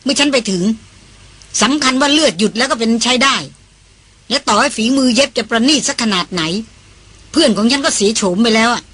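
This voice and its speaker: A woman voicing a sharp-tongued, tense woman doctor in an audiobook, sarcastic and commanding. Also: high-pitched, brisk, husky.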